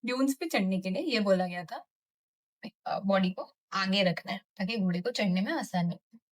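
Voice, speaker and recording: A woman vlogger casually telling a story, animated and mixing English words into her Hindi. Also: medium pitch, moderate pace.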